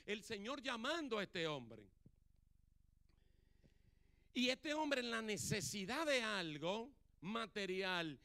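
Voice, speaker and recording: A man's voice: sits high, big pitch swings, a little slow, pushed and bright. A male pastor preaching a sermon in a church, acting out Bible dialogue and putting questions to the congregation. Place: church sanctuary.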